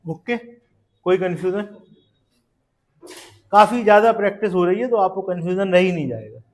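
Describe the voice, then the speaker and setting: During a live classroom lesson, a man teaches math, coaxing his students along and quizzing them step by step to make sure they follow. His voice is high-pitched and a little mellow, at normal speed.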